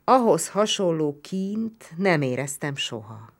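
A woman with a low voice reads a novel aloud. Her narration is slow and sombre. She keeps a steady, serious tone. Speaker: audiobook reader. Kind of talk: literary narration.

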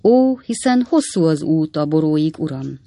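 A fluttering, eager widowed landlady from a storybook reading, as the reader puts her on. The voice is gravelly and the sound dry and close. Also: mid-range voice, sing-song, dark tone, no room sound. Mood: flustered.

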